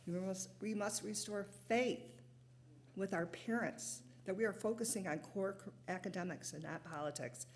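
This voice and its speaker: A woman's voice: fairly low pitch, slight background noise. A woman teacher giving an earnest prepared closing statement as a school board candidate in a city hall auditorium. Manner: earnest, read-from-notes delivery.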